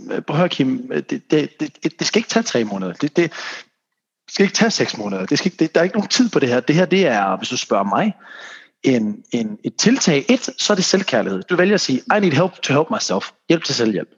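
A man's voice: medium pitch, sing-song, breathy edge. A man hosting a casual podcast as a fitness coach, rambling and restarting his sentences, dropping English phrases. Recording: dull lo-fi sound.

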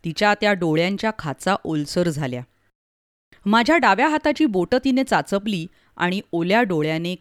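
Brief: woman reader narrating a story with feeling, mid-pitched, no room echo. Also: clean studio sound.

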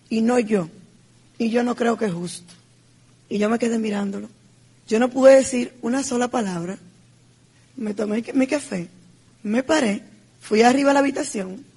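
Middle-aged woman, husky; heartfelt speaker telling her own story. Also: a little high, darkish tone. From Dominican Republic. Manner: heartfelt storytelling, emphatic and repetitive. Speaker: business speaker. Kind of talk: personal testimony speech.

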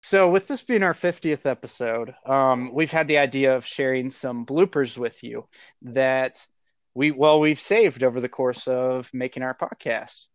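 A man hosting a podcast in a relaxed, chatty way. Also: medium pitch, unhurried, clear, resonant tone, no room sound. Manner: relaxed, chatty, laughs easily. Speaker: podcast host. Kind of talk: casual chat.

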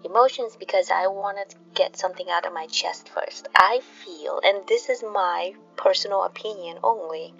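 A woman narrates in the soothing manner of a bedtime sleep story, gently addressing her listeners. Her voice has a creaky, fried edge at a medium pitch. The recording is a little dull, with faint music playing behind her. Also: normal speed, hardly any pauses. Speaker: host of a sleep podcast.

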